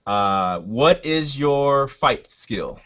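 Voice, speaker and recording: A man running a tabletop game as game master, talking casually and haltingly as he thinks aloud and checks rules. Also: mid-range voice, expressive, fairly bright tone. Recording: dull, lo-fi sound.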